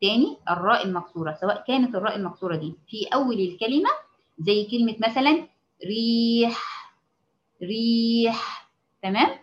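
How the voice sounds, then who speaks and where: Egyptian woman teacher, fairly high voice, repetitive and patient, lo-fi recording. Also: expressive. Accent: Egyptian Arabic. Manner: patient, repetitive, checks understanding often; stretches out example words slowly. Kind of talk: online lesson to female students.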